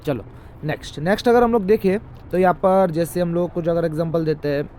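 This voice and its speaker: A man with a fairly high voice leads a grammar lesson, explaining each rule slowly and asking the listener question after question. Faint street noise sits behind him. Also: a little mellow. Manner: explains by quizzing the viewer with repeated questions. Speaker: English grammar teacher. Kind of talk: classroom-style grammar lesson.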